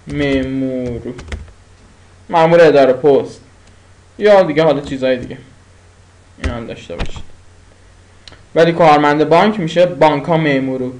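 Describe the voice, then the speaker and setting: A man teaching a language lesson, saying each new word several times and explaining it with pauses and fillers. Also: fairly high pitch, darkish tone.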